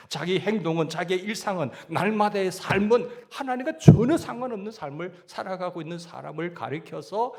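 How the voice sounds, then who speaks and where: A man with a Gyeongsang Korean accent preaching a sermon as pastor, asking the congregation questions and answering them himself. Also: on the high side.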